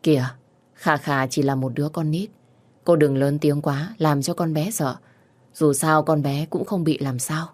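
A woman voicing a calm, helpful young man who speaks softly and reassuringly. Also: deep voice, a little slow. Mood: gentle.

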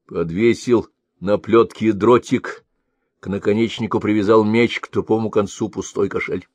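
A man reading a story aloud in a measured, storytelling manner. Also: lowish voice, steady tone, no room sound. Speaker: narrator. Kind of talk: scripted audiobook narration.

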